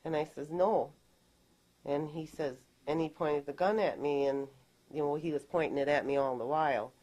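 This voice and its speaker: A middle-aged woman giving testimony in a recorded deposition, recounting events in a plain, halting way. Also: deep voice, steady tone, darkish tone. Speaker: deposition witness.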